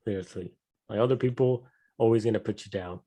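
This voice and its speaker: A man's voice: on the low side, brisk, dark tone. A young man co-hosting a casual podcast chat, easygoing and wry. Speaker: podcast co-host.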